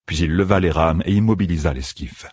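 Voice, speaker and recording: A man narrating a fantasy audiobook in a measured, storytelling manner with a husky voice. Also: deep voice, a little mellow, no echo, studio quality.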